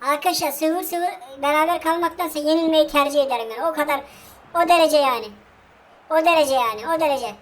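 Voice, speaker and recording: A woman hosting a gaming channel, commenting on her match in a casual let's-play way, excitable and groaning loudly at what happens on screen while talking straight to her viewers. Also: high-pitched, brisk. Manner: talks straight to viewers, over and over.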